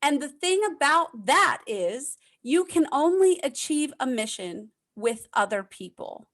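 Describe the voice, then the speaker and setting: Emphatic American woman guest, high voice, conversational. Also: very animated, unhurried, fairly bright tone. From United States. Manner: emphatic, repeats points for effect. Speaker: podcast guest, leadership consultant. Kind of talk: casual interview chat.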